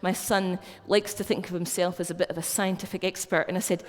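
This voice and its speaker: A woman's voice: fairly low pitch, fairly even intonation, brisk. A woman with a Scottish accent preaching a sermon in a chatty, storytelling way. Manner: conversational, anecdotal storytelling. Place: church hall. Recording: long reverb of a church.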